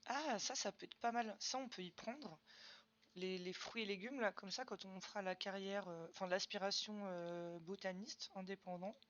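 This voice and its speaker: Young woman streamer, bright chatty voice, chats with viewers between game moves, a bit dull and lo-fi. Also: mid-range voice, steady tone, normal speed. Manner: chatty, answers chat questions, frequent fillers and "hop". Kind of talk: casual live-stream chat while gaming.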